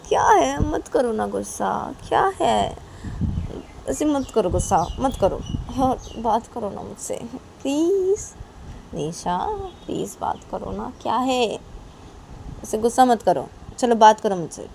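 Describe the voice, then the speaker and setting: Brief: a woman playing a soft, pleading young friend, slightly raised voice, in a spoken love story. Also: on the high side, expressive, unhurried, vocal fry, a little hiss or hum, voice pushed up. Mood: coaxing. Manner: coaxing, pleading, repetitive.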